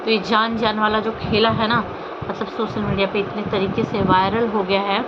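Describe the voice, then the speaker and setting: Commenting unscripted on a personal scandal from online drama, this woman vlogger speaks at normal speed in a mid-pitched voice with little pitch movement. She scolds indignantly and keeps asking the listener rhetorical questions, while the muffled, lo-fi audio carries very loud vehicle and ambient noise.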